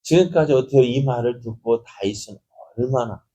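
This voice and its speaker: A man's voice: mid-range voice, normal speed, mellow, lo-fi sound. A man preaching at an early morning church prayer service, asking his listeners rhetorical questions and then rising into sudden emphatic stresses. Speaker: pastor.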